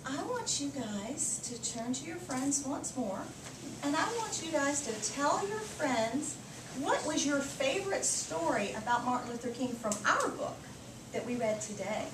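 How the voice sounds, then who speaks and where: A high-pitched, animated woman's voice moves at a measured pace as a teacher reads a storybook to children and talks it over with them. She repeats and affirms their answers. The audio is echoey and noisy, captured from a distance.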